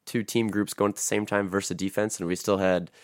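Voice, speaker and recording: Deep-voiced, easygoing American coach. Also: male voice, flat delivery, fairly quick, no echo, studio quality. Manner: easygoing, filler-heavy storytelling. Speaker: youth football coach. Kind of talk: casual podcast conversation.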